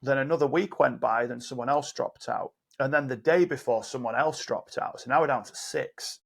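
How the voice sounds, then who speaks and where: A man with a gravelly, mid-pitched voice talks casually on a podcast as a coach. He tells stories at an easy pace, acting out both his own lines and those of the other person. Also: moderate pace. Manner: animated storyteller, acts out dialogue.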